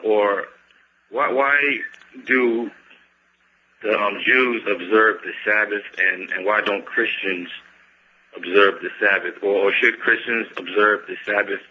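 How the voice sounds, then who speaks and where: A male radio show caller with a lowish voice, stopping and restarting as he works his question out. He comes through the call sounding muffled and lo-fi, with a faint hiss underneath. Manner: hesitant, stumbles and repeats words. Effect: call-in voice over the radio. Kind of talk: phoning in a question. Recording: dull phone-line sound with faint hiss.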